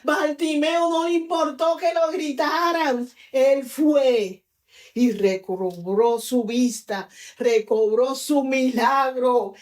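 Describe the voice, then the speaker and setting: A woman preacher delivering a fervent sermon, telling stories and calling on her listeners to seek their miracle. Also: high voice. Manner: fervent, storytelling preacher voicing scenes.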